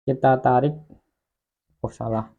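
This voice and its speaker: A man at an ordinary middle pitch narrates a video editing lesson from his screen. He explains at an unhurried pace, one step at a time, while he works. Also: steady tone, dark tone, highs cut off. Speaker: online course instructor.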